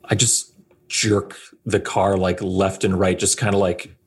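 A man playing a tabletop game, talking in a hesitant, halting way. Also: low voice, flat delivery, husky. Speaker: player.

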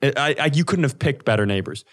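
This podcast co-host has a medium-pitched, expressive voice and speaks fairly quickly. His banter is casual and comic, full of crude swearing and a put-on sense of outrage.

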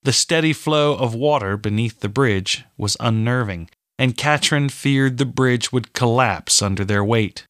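Slow, measured male narrator. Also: mid-range voice, fairly bright tone, no echo, studio quality. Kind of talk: scripted fantasy audiobook narration.

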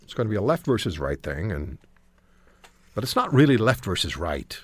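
Brief: middle-aged male talk host, firm and repetitive, expressive delivery, close and dry. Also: lowish voice, moderate pace, no echo. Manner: firm, repeating points. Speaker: radio talk show host. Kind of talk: talk radio commentary.

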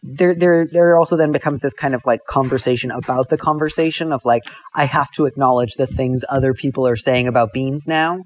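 A man's voice: medium pitch, fairly quick, hardly any pauses, no room sound. A man, an advice columnist and food writer, chatting casually as a podcast guest. He rambles with lots of fillers and laughs often.

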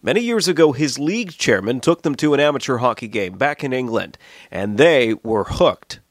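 Animated male TV reporter narrating a feature. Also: mid-range voice, normal speed. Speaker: TV news reporter.

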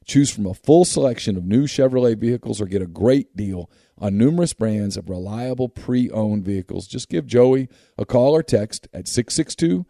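A man's voice: fairly low pitch, expressive, moderate pace, vocal fry, dark tone, no echo, studio quality. A man, hosting a sports podcast with sponsor reads and casual talk.

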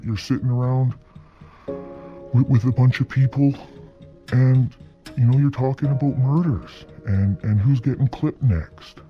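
A man from British Columbia whose voice has been electronically altered to sound very deep, speaking haltingly and reflectively with many restarts as an anonymous guest in an interview. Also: muffled recording. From British Columbia, Canada. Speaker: anonymous interview guest, former gang member. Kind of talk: candid interview answers.

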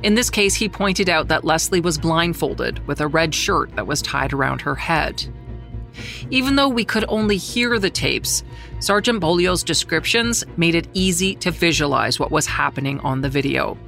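A middle-aged reporter tells a true-crime story in a measured, somber scripted narration. The voice has a gravelly edge and a bright, forward tone. A faint music bed sits under the voice. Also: medium pitch, animated. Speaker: journalist who covered the trial, narrating.

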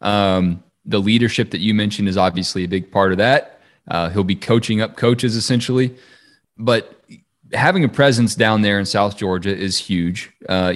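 A man with a fairly low voice co-hosts a football podcast. He talks in a loose, chatty, upbeat way, joking as he goes. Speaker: sports podcast co-host. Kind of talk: casual sports talk.

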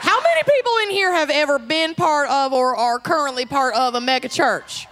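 A woman with a Minnesota accent telling stories in a casual, joking, animated way as a podcast co-host. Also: high-pitched, moderate pace, a loud crowd, very noisy. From Minnesota, United States. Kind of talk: casual comic storytelling to a live audience.

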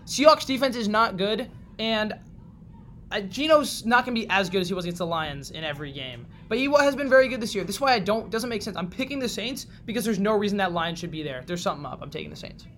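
A man's voice: high voice, lively intonation, fairly bright tone, slight background noise. A man co-hosting a sports podcast, giving his picks in a casual, opinionated chat. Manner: opinionated, quick to pick sides. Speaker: podcast co-host.

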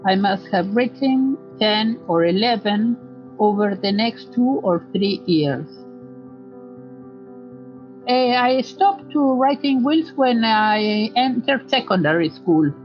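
An Argentine woman in her seventies tells a story from her own life. She speaks English with a Spanish accent and a thoughtful, hesitant manner. The recording is dull and lo-fi, with soft music faintly underneath. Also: on the high side, lively intonation, slow pace. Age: 70s. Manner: reflective, with occasional hesitations. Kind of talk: personal recollection.

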